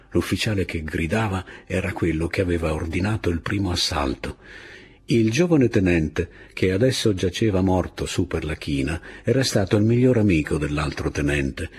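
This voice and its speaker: A man reading a novel aloud as an audiobook narrator, with expressive, dramatic storytelling. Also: sits low, husky. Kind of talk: scripted literary narration.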